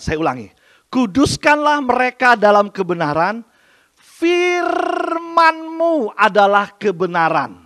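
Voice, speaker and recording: Lively high-voiced male pastor preaching. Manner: lively preaching, swinging between soft asides and loud emphasis. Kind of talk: sermon.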